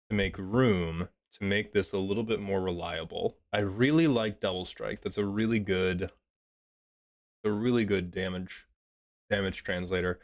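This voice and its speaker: A man giving a casual, joking review of a card deck, a bit sick and clearing his throat, swearing as he thinks aloud. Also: on the low side. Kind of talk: casual commentary.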